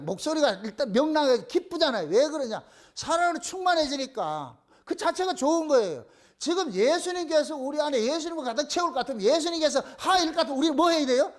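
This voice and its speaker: A middle-aged male pastor with a Gyeongsang accent, preaching a playful sermon and acting out little scenes in voices. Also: very high voice. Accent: Gyeongsang Korean. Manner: animated, playful, acts out phone calls in voices.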